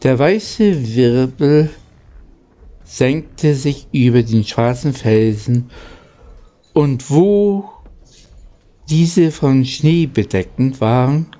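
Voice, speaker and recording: Reading a storybook aloud, an audiobook narrator and channel host speaks in a mellow voice of middling pitch. He pauses haltingly and sometimes misreads or stumbles over a word.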